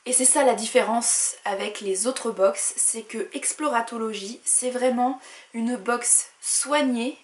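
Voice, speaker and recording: Woman, book vlogger, casual unboxing chat, filler-heavy, slightly high voice, roomy echo. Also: unhurried, a little hiss or hum. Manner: chatty, many "euh" and "voilà". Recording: echoey room.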